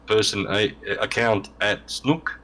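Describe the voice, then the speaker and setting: A man with a fairly low voice talks as a guest in a relaxed online interview. He rambles, restarts his sentences and drops in dry jokes. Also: takes it slowly. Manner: rambling, joking, self-correcting. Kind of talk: casual interview chat.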